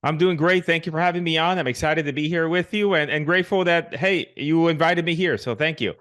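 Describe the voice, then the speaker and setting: A man's voice: fairly high pitch, fairly quick, a bit bright, no room sound, clean studio sound. Puerto Rican man, joking interview guest. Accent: Puerto Rican Spanish. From Puerto Rico. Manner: joking, many fillers and restarts. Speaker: guest, real estate investor. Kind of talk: casual interview storytelling.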